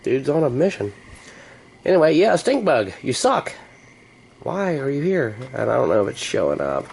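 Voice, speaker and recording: An American man vlogs about his hobby, chatting to camera in a rambling, casual way that's playful, slangy and mildly profane. His medium-pitched voice is gravelly, husky and darkish, with huge pitch swings at a normal speed.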